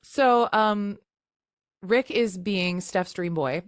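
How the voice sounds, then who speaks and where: A woman's voice: mid-range voice, clear, resonant tone, no room sound, clean studio sound. A woman co-hosting a podcast, chatting casually and jokily while recapping a film. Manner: chatty, jokey, acts out lines in quick voices. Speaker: podcast co-host.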